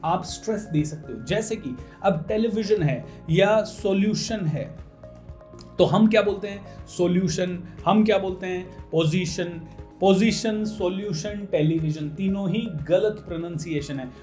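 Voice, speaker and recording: A man from India, coaching English pronunciation in a casual Hindi lesson and slowing right down to drill stressed syllables. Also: high-pitched, animated, a little mellow, roomy sound, soft background music.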